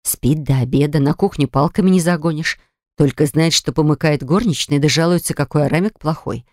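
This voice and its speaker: A reader voicing a worried, gentle older wife and mother who speaks cautiously, in an audiobook. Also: mid-range voice, fairly quick, no room sound, studio quality, natural voice. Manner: cautious, soft-spoken. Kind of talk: audiobook character voice.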